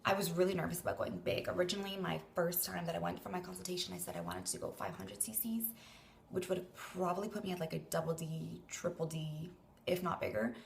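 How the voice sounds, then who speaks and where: A woman's voice: lowish voice, expressive, fast talker, creaky, slight background noise. A young Canadian woman who sounds tired and weak after surgery, rambling hesitantly through a casual vlog and trailing off breathily into near-whispers. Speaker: vlogger.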